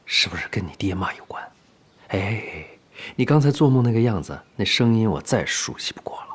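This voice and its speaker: An actor playing a kindly, easygoing middle-aged father who talks softly, at times half in a whisper, in a period TV drama. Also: lowish voice, big pitch swings, a little fast, husky. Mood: gentle. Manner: gentle, soft, half-whispered consoling. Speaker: father figure.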